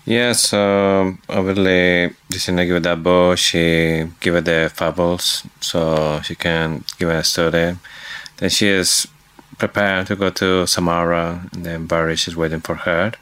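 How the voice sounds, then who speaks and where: A co-host in a casual book discussion, speaking in short, halting phrases. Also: sits low, little pitch movement, fairly bright tone, clean tone. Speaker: podcast co-host.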